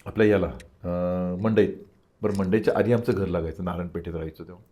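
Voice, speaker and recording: Older man telling a lively story. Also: low voice, fast talker. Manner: animated storytelling, acting out quoted dialogue. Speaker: interview guest.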